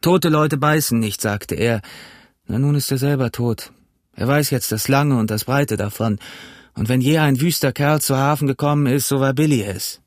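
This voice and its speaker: A man voicing a surly pirate coxswain who grumbles in a higher, raised voice, in an audiobook reading. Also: moderate pace, dry recording, clean studio sound, close to an everyday voice. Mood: mocking.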